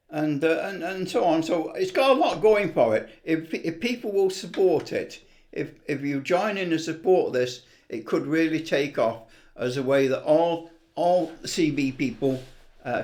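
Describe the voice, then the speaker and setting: A man, middle-aged or older, rambles happily and unscripted while presenting a hobby video in informal vlog fashion. His voice is a little high and a little mellow, and he speaks at a measured pace.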